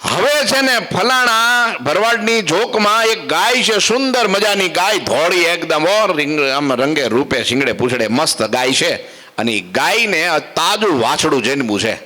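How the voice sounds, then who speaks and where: A man voicing a calm male deity who gives measured instructions in a told story. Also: fairly high pitch, exaggerated voice. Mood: commanding.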